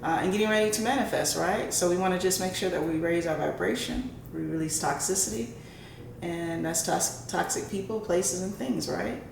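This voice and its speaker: A woman with a lowish, gravelly voice reads tarot casually for her online audience. She often tags her phrases with a questioning "right?" The sound is roomy and echoing. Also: moderate pace. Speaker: tarot reader and channel host. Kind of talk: casual tarot and horoscope reading to viewers. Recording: roomy echo, faint background noise.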